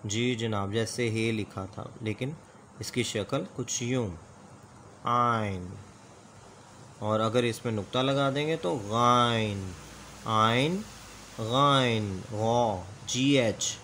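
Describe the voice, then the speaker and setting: A man's voice: mid-range voice, fairly even intonation, takes it slowly, a bit bright, slight background noise. A man teaching the letters of a script, speaking patiently and politely and sounding out each letter aloud for the learner to repeat. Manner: says "ji janab" often, polite. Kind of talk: slow alphabet lesson.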